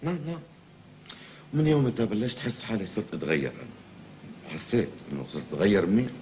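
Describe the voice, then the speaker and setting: A man's voice: on the low side, sing-song, fast talker. A Lebanese man acting a comic, rambling patient who suddenly finds himself married to two wives. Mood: complaining. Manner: rambling, exaggerated, comically flustered. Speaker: patient in a comedy series. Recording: loud background noise.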